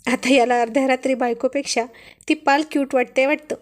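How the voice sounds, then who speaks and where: A woman's voice: high voice, fairly even intonation, fairly quick, close to an everyday voice. A woman voicing a fussy, stubborn young wife who is scared of a lizard, talking in squealing, petulant complaints. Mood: pouting.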